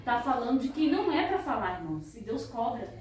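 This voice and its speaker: A woman's voice: fairly high pitch, very animated, a little fast, darkish tone, slight background noise. A woman leading worship in church, singing hymns and fervently exhorting the congregation, breaking into tongues. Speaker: worship leader. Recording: echoey church hall from far off.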